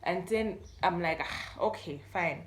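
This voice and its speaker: This young adult storyteller on YouTube has a fairly low voice and a measured pace. Speaking with a Malawian accent in casual chat, she animatedly performs the story's dialogue in an echoey room.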